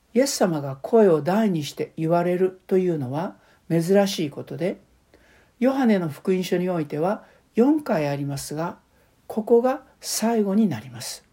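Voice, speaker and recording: A woman preaching in a calm, measured way. Her voice is mellow and warm, never sharp, and her pitch sits in an ordinary middle range. She moves steadily between scripture and her own story. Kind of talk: sermon.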